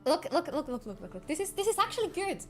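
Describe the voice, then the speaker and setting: Fast and sing-song, a very high, fairly bright voice comes from a male streamer whose voice changer makes him sound like a woman. He plays an exaggerated, teasing and sarcastic AI avatar, chatting casually with viewers over faint game soundtrack music.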